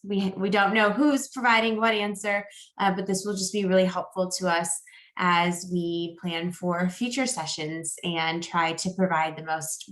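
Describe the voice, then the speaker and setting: A woman's voice: mid-range voice, fairly bright tone, echoey room. An American woman, a program director, welcoming attendees to an online workshop in a friendly, upbeat way. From United States.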